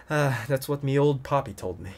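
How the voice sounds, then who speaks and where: In an ASMR roleplay, a man with a mid-range voice plays an obsessive, playful young intruder, coaxing the listener like a doting owner. He sounds playful and smug, with hesitant pauses and hushed asides.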